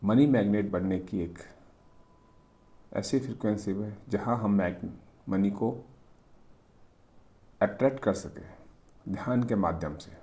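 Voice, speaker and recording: A man guides a meditation in a calm, gentle voice, giving instructions in brief phrases separated by pauses. His voice sits fairly low.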